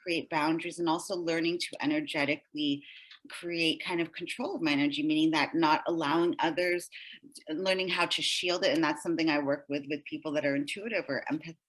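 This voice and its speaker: Speaking briskly in a deep, fairly bright voice with fairly even intonation, a middle-aged energy healer appears as a podcast guest. She explains earnestly and keeps checking in with the listener in this heartfelt interview, heard on a low-quality recording.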